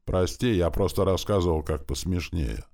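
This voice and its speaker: A man voicing a rough, brash young male orc warrior in an audiobook, talking in a blustering, boisterous way. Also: sits low, moderate pace, darkish tone.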